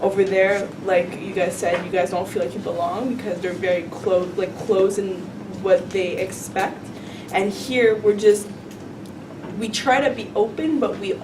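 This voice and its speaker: A young woman student gives her view on a panel in an animated, opinionated way, peppering her talk with "like". She is picked up from a distance. Steady background noise can be heard. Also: mid-range voice, a little slow. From Canada. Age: young adult. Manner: animated and opinionated, heavy use of "like". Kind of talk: panel discussion.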